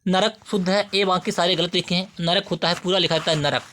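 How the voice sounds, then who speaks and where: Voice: medium pitch, fairly even intonation, quick pace, fairly bright tone, slight background noise. A teacher giving an exam-prep spelling lesson who addresses students directly and repeats each word several times while explaining.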